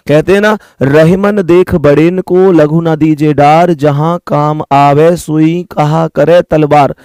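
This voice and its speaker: A man's voice: on the high side, warm tone, dry recording, studio quality. A young man teaching an online exam-prep reasoning lesson, chatty, repeating key points and calling his students dear children.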